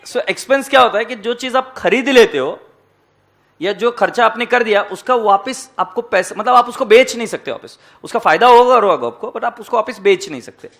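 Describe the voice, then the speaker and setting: High-voiced teasing male accounting lecturer. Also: expressive, fairly quick, fairly bright tone. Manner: teasing, asks the class questions and answers them; mixes Hindi with English. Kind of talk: classroom lecture. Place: classroom.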